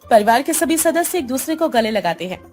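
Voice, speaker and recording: Brief: high-voiced female story narrator, soft music behind. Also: brisk. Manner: even, storybook delivery.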